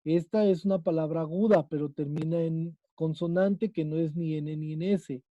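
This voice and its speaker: A man's voice: fairly high pitch, fairly even intonation, normal speed, no room sound, highs cut off. A man with a Mexican accent, teaching a Spanish class and quizzing his students, checking in with them again and again. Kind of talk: online class lesson.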